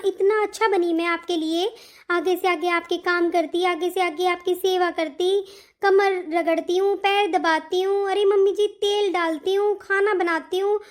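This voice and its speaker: A woman voicing a fed-up elder daughter-in-law in an animated family story, speaking in an indignant, complaining way. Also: extremely high pitch.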